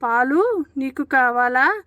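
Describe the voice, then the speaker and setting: A woman's voice: sits high, lively intonation, takes it slowly, bright, forceful tone, dry recording, studio quality, heavily acted. A woman voicing a friendly young puppy in a storybook tale, speaking in a cheerful, boastful way.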